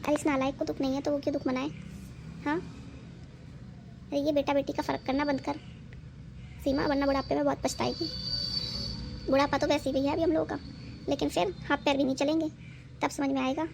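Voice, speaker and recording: A stern cartoon grandmother lectures her friend, played by a woman. Her voice is high and gravelly, and she talks in a scolding tone. Noticeable background noise sits under it. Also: little pitch movement, brisk, long pauses. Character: stern, sensible old grandmother. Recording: noisy background.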